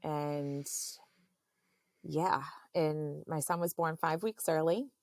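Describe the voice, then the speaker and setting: A woman in her thirties, a podcast guest, telling a personal story in a halting, earnest way with many fillers. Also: low voice, steady tone, dry recording, studio quality.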